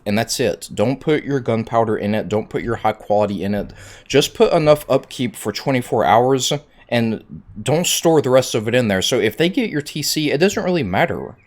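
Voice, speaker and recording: A man giving a casual, conversational video game tutorial, stressing his points with repetition. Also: on the low side. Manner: conversational, emphatic with repeated points. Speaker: gaming tutorial creator.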